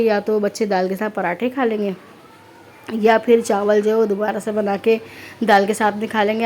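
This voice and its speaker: A woman in her thirties from Pakistan, narrating her housework in a chatty, repetitive way with many fillers; her throat is hoarse. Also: mid-range voice, a little mellow, a little hiss or hum. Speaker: vlogger, homemaker. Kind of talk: casual voice-over narration.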